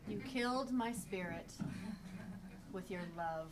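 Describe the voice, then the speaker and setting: A woman's voice: mid-range voice, slow, crowd noise, natural voice. A woman playing an exasperated, moralizing bearded lady of the carnival in a theatrical live improv comedy scene. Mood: bitter. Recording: noisy live stage recording.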